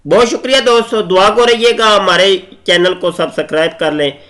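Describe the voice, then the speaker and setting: A man's voice: high-pitched, a little fast, pushed and bright. A man hosting his channel, giving combative, mocking commentary on a played clip. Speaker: channel host.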